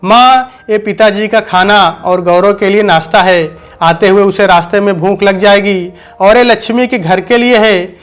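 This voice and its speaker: A man voicing a meek young daughter-in-law in a storybook reading, soft and dutiful. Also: high voice, fairly even intonation, moderate pace, clear, resonant tone.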